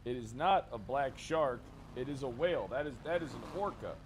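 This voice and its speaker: A man playing a police chief in role-play chat, sarcastic and given to loud, profane outbursts. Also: medium pitch, animated, fairly quick, a little hiss or hum.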